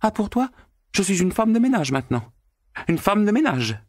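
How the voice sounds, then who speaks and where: A man voicing a cheeky, gleeful young maid turned witch in a shrill, high, raised voice. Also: expressive, normal speed, no room sound, clean studio sound. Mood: insolent.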